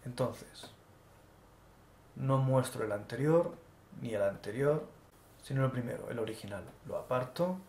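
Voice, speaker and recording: A man calmly talking through each step as he draws, narrating an animation tutorial. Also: medium pitch, measured pace, pauses often. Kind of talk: screen-recorded drawing tutorial. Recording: echoey room with faint noise.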